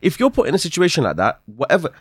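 A man's voice: a little high, wildly swooping pitch, racing, breathy edge, no echo, studio quality. A young man with a London roadman accent and slang, arguing insistently in a casual debate.

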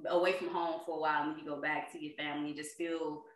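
Woman podcast co-host, bubbly, loud, laughs a lot; echoey room. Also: deep voice, little pitch movement, fast talker. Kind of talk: casual chat.

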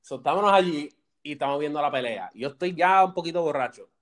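A young Puerto Rican man hosting a loose podcast, with a fairly high voice. He tells crude stories between bursts of laughter and drops into slangy asides. His talk is casual and rowdy. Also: animated, fast talker. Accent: Puerto Rican Spanish. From Puerto Rico. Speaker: podcast host. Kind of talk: casual chat.

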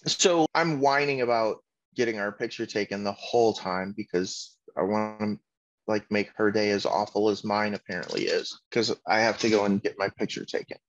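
A man's voice: fairly low pitch, moderate pace. A middle-aged man talking bluntly and swearing freely as he tells stories in a casual podcast chat. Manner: blunt, profane storyteller. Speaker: podcast co-host. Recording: muffled lo-fi audio.

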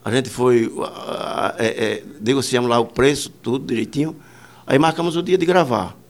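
A man's voice: mid-range voice, moderate pace. A man, a musician and producer, telling rambling anecdotes in a casual interview, full of fillers and quoted dialogue.

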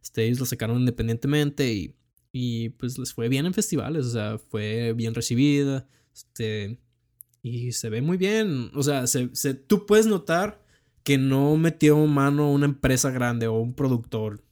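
A young man with a Mexican accent chats casually about films, using plenty of slang and swearing. His mid-range voice is a little slow and a little mellow.

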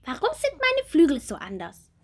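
A woman's voice: wildly swooping pitch, moderate pace. A woman voicing a little bumblebee girl who is timid and full of wondering questions, in a storybook. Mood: wondering eager. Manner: high, eager, questioning.

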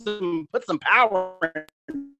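A male caller talking in a halting way, repeating words, over a bad connection that keeps breaking up. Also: high voice, over music. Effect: breaking-up call connection. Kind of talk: casual chat.

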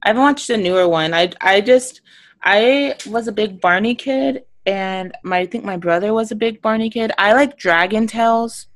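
A young woman co-hosting a podcast in casual chat, animated and quick to mimic voices. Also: dry recording. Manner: animated, mimics voices with big pitch jumps. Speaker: podcast co-host.

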